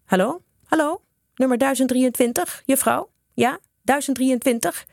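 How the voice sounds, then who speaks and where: A woman's voice: high-pitched, moderate pace, vocal fry, darkish tone, no room sound, studio quality, pitched above the performer's own voice. A woman voicing a cheeky, giggling prankster schoolboy in a read-aloud children's story. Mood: mock polite.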